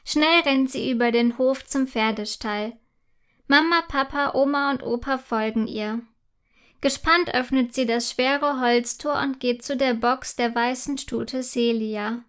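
A woman reading a children's story aloud as narrator in a gentle, clear read-aloud manner. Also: sits high, measured pace.

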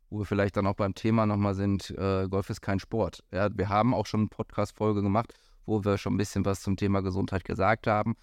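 A man's voice: fairly low pitch, a little mellow, smooth, dry recording, clean studio sound. A man talking as a golf pro in a casual podcast chat, hesitant, with many fillers and restarts. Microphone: studio microphone.

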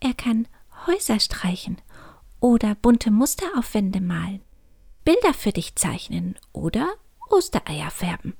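A woman voicing a tiny, friendly female elf in a children's story, speaking high and soft. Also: big pitch swings, unhurried, creaky, breathy edge, dry recording, studio quality, exaggerated voice.

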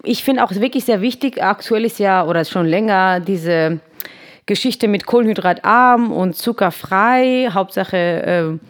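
Female podcast host, mid-pitched voice, chatty, rambling. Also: unhurried. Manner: chatty, rambling, frequent fillers and tag questions. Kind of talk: podcast conversation.

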